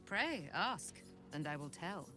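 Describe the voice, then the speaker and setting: A woman's voice: fairly low pitch, very animated, slow, pushed and bright, heavily acted. A woman playing an exalted, devout and vengeful warrior in a video game, declaiming grandly in archaic phrasing. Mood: solemn. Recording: music behind the voice.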